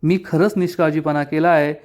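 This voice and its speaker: A man's voice: fairly high pitch, steady tone, fairly quick, a little mellow, natural voice. A man reading the lines of a remorseful young woman in a serial recap, pleading and apologetic.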